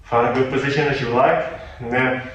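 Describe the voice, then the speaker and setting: A man's voice: medium pitch, steady tone, fairly quick, heavy background noise. A man, not a native English speaker, with an American-leaning accent, casually coaching a workout as a fitness vlogger. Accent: American-leaning English of a non-native speaker. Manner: loose, filler-heavy, talks like a gym buddy. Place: gym. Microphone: camera on a tripod at a distance. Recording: very echoey gym, distant camera mic, faint ambience.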